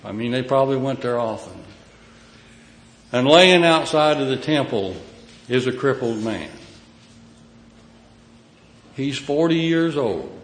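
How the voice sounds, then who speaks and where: Folksy ozark hillbilly guy giving a sermon, middle pitched voice, lots of room echo. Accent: rural Ozark hillbilly. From Missouri, United States. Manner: folksy, plain-spoken, emphatic swells dropping to quiet asides. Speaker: preacher. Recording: echoey hall, reverberant, faint noise.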